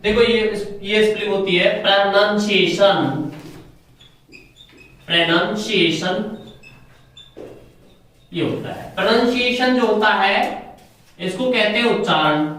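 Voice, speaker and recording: A man's voice: high-pitched, lively intonation, moderate pace, fairly bright tone, slight background noise. A male English teacher giving a step-by-step grammar lecture, putting questions to his students and answering them himself. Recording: very echoey room, mic far off.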